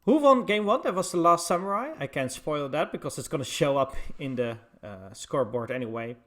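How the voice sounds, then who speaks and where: A Dutch man from the Netherlands casts a live esports match, chatting loosely with plenty of filler words. His voice is a little high, expressive and fairly bright, and he talks fairly quickly. It's casual live stream commentary.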